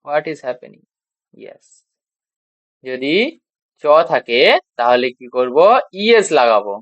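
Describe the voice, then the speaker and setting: A man with a Bengali accent teaches beginners English grammar, speaking slowly in a mid-range voice. He spells out word endings, repeating the letters, and poses rhetorical questions that he then answers himself. The audio is dull, with no room sound, in a classroom-style grammar lesson.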